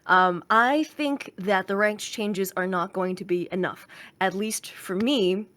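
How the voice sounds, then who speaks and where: A woman's voice: mid-range voice, unhurried, fairly bright tone. A woman guest on a podcast, sharing reflective opinions with thoughtful fillers in casual chat.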